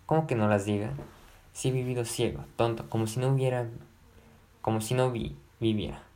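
A man reading aloud, voicing an agitated, lovesick gentleman who pleads and repeats himself. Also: medium pitch, normal speed, natural voice. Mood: impassioned. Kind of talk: audiobook narration.

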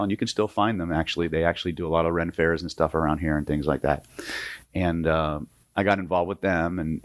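Male seminar instructor from Oklahoma with a deep voice, emphatic delivery and rhetorical check-ins, dry recording. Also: no echo. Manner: emphatic, peppered with rhetorical "right?". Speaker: hypnosis instructor. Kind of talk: seminar lecture to a live audience.

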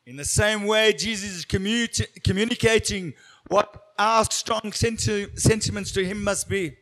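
A man delivers a sermon in short, measured phrases, stopping after each one for an interpreter. His voice sits high for a man, and he keeps the lines brief so the translation can follow. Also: a bit bright. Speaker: preacher.

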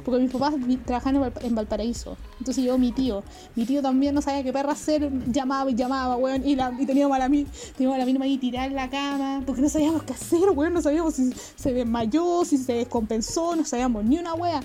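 A woman's voice: high voice, steady tone, fast, dark tone, soft background music. A woman with a Chilean accent casually telling childhood anecdotes, full of slang and swearing and laughing as she goes. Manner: slangy, swears often, laughs through stories. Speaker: storyteller.

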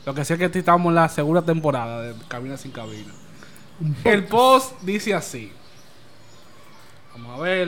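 A man's voice: fairly high pitch, a bit bright. A man with a Dominican accent hosting an open-air podcast in casual chat. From Dominican Republic. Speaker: podcast host.

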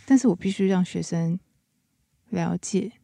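一位女老师在闲聊中慢慢说出自己的想法和问题。. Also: female voice, fairly low pitch, gravelly, warm tone, no room sound, clean studio sound. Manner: thoughtful, measured questions. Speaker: teacher, podcast co-host. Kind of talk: casual chat.

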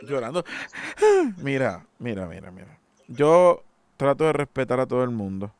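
A man's voice: mid-range voice, lively intonation, normal speed, clear, resonant tone, soft background music. Indignant man ranting. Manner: indignant, emphatic, exasperated. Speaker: podcast host. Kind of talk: solo opinion monologue.

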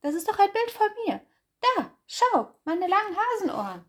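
Woman doing a squeaky little rabbit. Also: sing-song, moderate pace. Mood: indignant. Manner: high squeaky exclaiming. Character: small excitable male rabbit, shrill and touchy.

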